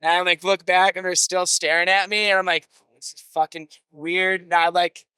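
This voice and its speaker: A man telling tour stories in a loose, rambling way, swearing casually. His voice sits fairly high and bright. It is clean and close in a dry room. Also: little pitch movement, brisk, clear, resonant tone, no room sound. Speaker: guest musician. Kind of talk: casual storytelling.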